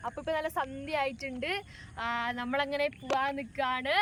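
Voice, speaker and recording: High-voiced Malayali woman mixing in English, noisy outdoors. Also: fairly even intonation, normal speed, fairly bright tone. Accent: Malayali, northern Kerala. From Wayanad, Kerala, India. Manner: mixes English words into Malayalam; enthusiastic, addresses viewers constantly. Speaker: travel vlogger. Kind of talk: casual travel vlog narration to viewers. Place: outdoors by backwaters, paddy fields and on a canoe. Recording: noisy outdoor recording with ambient sound.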